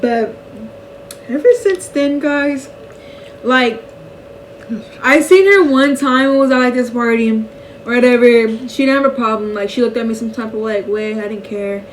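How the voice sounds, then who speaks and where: A young woman telling a story in a casual vlog, animated and slangy and laughing often. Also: a little high, normal speed, far from the mic, rough recording. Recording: voice a bit off-mic with faint noise.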